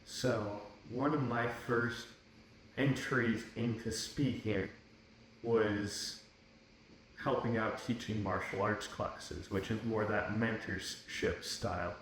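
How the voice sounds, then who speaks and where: Measured man in an echoey room. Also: on the low side, steady tone, fairly bright tone. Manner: measured and thoughtful, short agreeing replies. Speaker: podcast co-host. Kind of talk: casual podcast chat. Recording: echoey room with faint noise.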